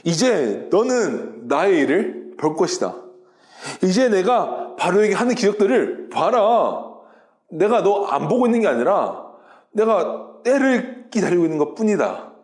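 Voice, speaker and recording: A man voicing God as a calm, patient teacher speaking slowly and steadily. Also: on the high side. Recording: roomy echo.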